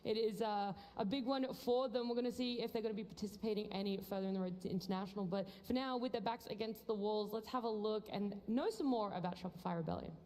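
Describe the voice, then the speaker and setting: A woman with an Australian accent hosting an esports broadcast desk in a convention center, upbeat and brisk. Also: medium pitch, darkish tone. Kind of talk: live broadcast presenting. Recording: long reverb of a large venue.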